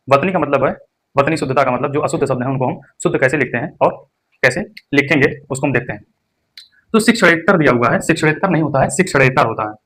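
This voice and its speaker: Young man, teacher, exam-prep lesson, mid pitch, stresses words, slow repetitions. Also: fairly bright tone. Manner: stresses each word, then repeats it slowly. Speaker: Hindi teacher.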